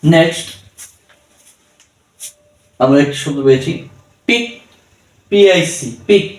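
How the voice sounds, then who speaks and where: A man's voice: a little high, fairly even intonation, unhurried, a little mellow, far from the mic. A man with a Bangladeshi accent teaching English pronunciation to children, spelling words letter by letter and sounding out each syllable. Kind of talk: slow tutorial for children. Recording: echoey room, speaker away from mic.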